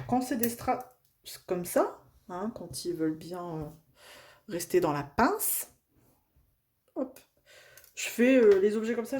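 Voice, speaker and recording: Chatty Northern French woman, mellow voice. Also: fairly low pitch. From northern France. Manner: chatty, many fillers and restarts. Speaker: craft vlogger. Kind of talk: casual chat while crafting. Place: at home.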